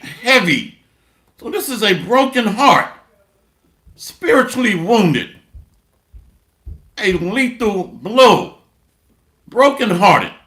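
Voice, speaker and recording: A man's voice: sits high, sharp tone, roomy sound. A man preaching a blunt, mocking sermon with scripture readings and rhetorical call-outs.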